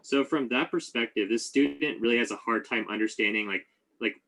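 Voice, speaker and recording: A man moderating a club session on a call, reading student questions aloud, often pausing with "um". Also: mid-range voice, a bit bright, low-quality recording. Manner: hesitant, frequent "um" and "you know".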